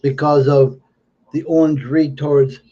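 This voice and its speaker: A man's voice: on the high side, level tone, takes it slowly. A man with the slightly slurred speech of someone without teeth, giving an emphatic, unscripted political monologue on a livestream and repeating phrases for weight. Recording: dull lo-fi stream audio.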